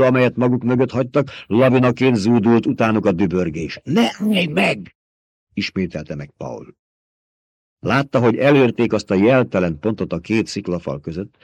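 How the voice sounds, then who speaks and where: A man reading an audiobook aloud with dramatic, tense storytelling that drops to a hush at times. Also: lowish voice, no room sound. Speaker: audiobook narrator. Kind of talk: scripted audiobook narration.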